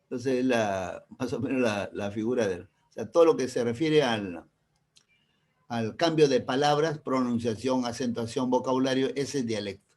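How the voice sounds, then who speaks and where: A man's voice: mid-range voice, moderate pace, darkish tone. A male teacher with a Peruvian accent, giving a classroom lecture, often checking in with his students and explaining through everyday examples. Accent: Peruvian Spanish.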